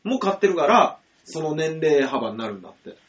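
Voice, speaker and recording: Man cohost on a comedy radio show, talks quick and teasing, high lively voice. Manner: quick, teasing, laughs often. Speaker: radio co-host. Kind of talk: casual comedy radio chat. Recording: dull lo-fi radio recording.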